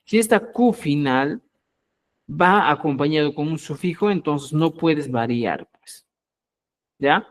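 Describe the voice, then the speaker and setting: A man leads a live online language class at an unhurried pace. His voice sits a little high, and he explains patiently, pausing often to check that his students are following. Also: animated. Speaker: language teacher.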